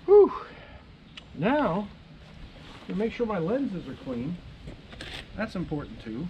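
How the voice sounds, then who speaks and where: A man with a slightly high, very lively voice chats his way through setting up cameras beside his motorcycle, half to viewers and half to himself. He's recorded outdoors on a camera mic, with faint ambience underneath. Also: takes it slowly, highs cut off, a little hiss or hum. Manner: chatty, talks to himself while fiddling with gear. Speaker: motovlogger. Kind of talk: casual talk-through of a gear setup.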